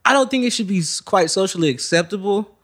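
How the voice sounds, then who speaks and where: Lively man with a bouncy voice. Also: high-pitched, fast. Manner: lively, laughs often. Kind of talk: casual chat.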